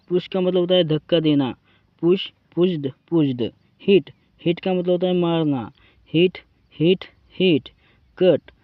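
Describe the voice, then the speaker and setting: A man's voice: high-pitched, no room sound. Indian man drilling English verbs, tinny. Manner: slow drilling recitation, addresses viewers as friends. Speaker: English teacher. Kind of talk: vocabulary lesson, reciting verb forms.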